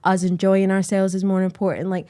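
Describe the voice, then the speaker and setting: A woman's voice: mid-range voice, little pitch movement, fairly quick, warm tone. A young adult Scottish woman hosting a podcast in a candid, chatty way, full of "like" fillers. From Scotland. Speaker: podcast host. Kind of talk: casual chat.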